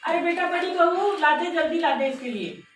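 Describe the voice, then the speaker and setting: A woman's voice: very high voice, moderate pace. A woman playing a fair-minded middle-aged mother-in-law in a home family skit, coaxing and reasoning. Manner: coaxing, keeps calling others 'beta'. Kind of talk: amateur home drama acting. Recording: echoey room, distant mic, faint music.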